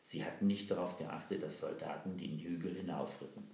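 A man reading a story aloud in a measured way and giving each character a voice. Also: sits low, creaky, a little hiss or hum. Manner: measured, lively character voicing. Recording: roomy echo.

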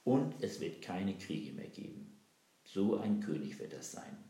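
A man voicing a grieving village mother who tells a secret in hushed, urgent tones. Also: low-pitched, sing-song, unhurried, full character voice. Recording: roomy echo.

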